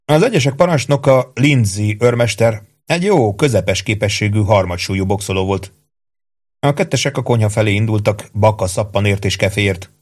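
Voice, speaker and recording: A man reading a novel aloud in steady, even narration. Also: on the low side. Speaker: audiobook narrator. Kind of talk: scripted narration.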